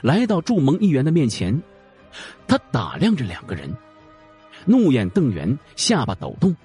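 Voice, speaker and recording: A man narrating a fantasy audio drama in a dramatic, expressive way. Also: mid-range voice, normal speed, faint music behind.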